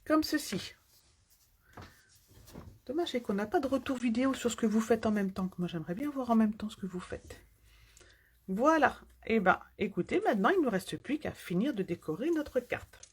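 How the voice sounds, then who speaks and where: Working with her hands during a live card-making tutorial, a woman from France talks viewers through the papercraft, occasionally sinking to a near-whisper in concentration. She sounds a little high, animated, and slightly rough, speaking fairly quickly.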